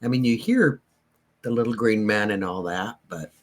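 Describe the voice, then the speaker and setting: A man's voice: fairly low pitch, normal speed. A man on a discussion panel who thinks aloud in a musing way.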